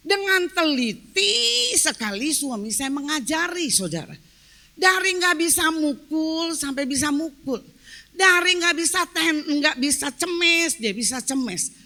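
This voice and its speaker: A middle-aged woman pastor telling a personal story in a sermon, animated and often addressing the congregation. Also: high-pitched, measured pace.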